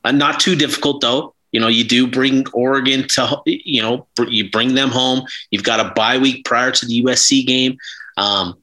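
Podcast co-host, male, bright tense tone, rambling and filler-heavy. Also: mid-range voice, fairly even intonation, moderate pace, poor audio. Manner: rambling, many fillers and restarts. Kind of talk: casual sports podcast chat.

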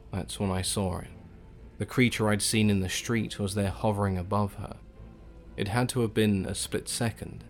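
A man with a very low, deep voice narrates a first-person horror tale. His delivery is grim and hushed, building dread line by line. Soft music plays underneath. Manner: grim, hushed storytelling with shouted outbursts.

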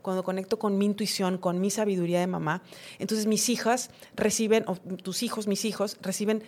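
A woman's voice: mid-range voice, steady tone, fairly quick, a little mellow. A middle-aged woman, a podcast guest, talking reflectively in a conversational interview and acting out her own inner dialogues.

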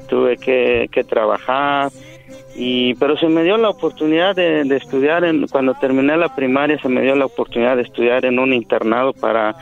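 Over a phone line on the radio, a middle-aged Mexican man whose native language is Zapotec tells his life story as a guest. He speaks earnestly and hesitantly, often repeating words, in a mid-range voice with vocal fry.

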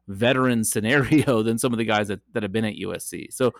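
This podcast co-host is a man with a lowish, creaky voice who talks fast. He chats casually about football, full of ums and restarts, in a studio-quality recording with no echo.

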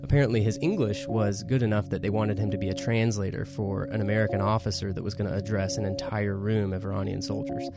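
Chatty low-voiced male podcast host. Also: fast talker, gravelly, few pauses, over loud music. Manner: relaxed, chatty, retelling conversations. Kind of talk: casual podcast storytelling.

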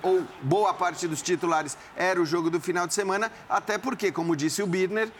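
A man giving measured football analysis in long qualified sentences. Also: high-pitched, a little hiss or hum. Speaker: football pundit. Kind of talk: studio football debate.

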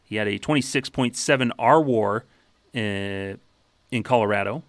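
Brisk matter-of-fact podcast host. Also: male voice, fairly low pitch, dry recording. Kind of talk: sports podcast, reading stats.

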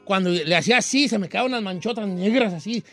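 A man's voice: high voice, quick pace, fairly bright tone. A man voicing an old Mexican rancher with a Mexican accent, hosting a radio show and telling a rambling, self-mocking comic story. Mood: folksy storytelling.

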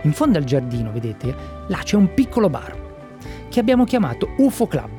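A storyteller voicing a kindly male doctor and former professor who speaks calmly and reassuringly. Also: medium pitch, fairly quick, faint music behind, lightly acted. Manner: calm, reassuring speechmaking.

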